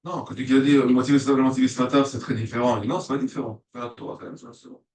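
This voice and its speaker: A man's voice: medium pitch, steady tone, very fast, a little mellow, roomy sound. A male student in a class discussion, talking hesitantly and restarting his sentences.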